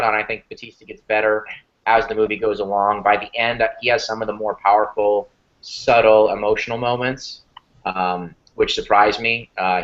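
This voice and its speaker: Man, lowish voice, hesitant casual film talk, muffled lo-fi recording. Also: a bit bright. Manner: measured, hesitant with many ums. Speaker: podcast co-host. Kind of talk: casual movie review chat.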